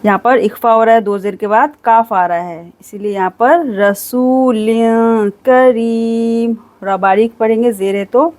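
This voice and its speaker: A woman teaching Quran recitation rules, reciting each phrase slowly and drawn out, then explaining each rule in quick, patient instructions. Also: fairly high pitch, steady tone, a little mellow. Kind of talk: tajweed lesson, recitation with explanation.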